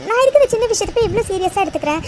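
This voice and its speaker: A woman voicing Maha, a jealous young woman who keeps telling herself to stay calm, fretting aloud in a cartoon. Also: very noisy. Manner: frets aloud to herself, fast and high. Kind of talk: Tamil cartoon voice acting.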